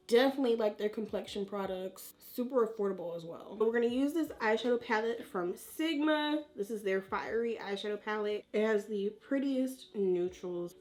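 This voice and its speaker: A woman's voice: mid-range voice, darkish tone. A woman chatting informally and slangily to her viewers as she applies her makeup, in the style of a beauty vlog tutorial. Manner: informal and slangy, talking to viewers like friends while applying makeup. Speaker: beauty vlogger.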